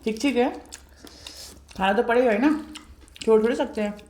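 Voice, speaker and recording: A woman's voice: a little high, normal speed, a little mellow. A young woman, a new mother, chatting casually to her viewers while eating on a home mukbang vlog. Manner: chatty, addresses viewers directly. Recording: roomy echo, faint noise.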